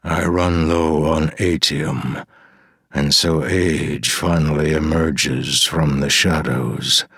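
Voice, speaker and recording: Ancient weary demigod, deep and dragging, slow, heavy lines, read by a male narrator. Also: fairly even intonation, gravelly, a bit bright, husky, dry recording, clean studio sound, full character voice. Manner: slow, heavy, low delivery.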